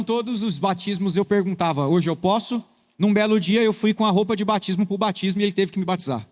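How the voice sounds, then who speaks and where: A Brazilian pastor with a fairly high voice, preaching with earnest intensity. He switches between rushed phrases and slow, weighty lines. The sound carries a long echo from the church hall. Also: a little mellow. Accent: Brazilian Portuguese. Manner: earnest, shifts between quick bursts and slow emphasis. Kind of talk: sermon with personal testimony.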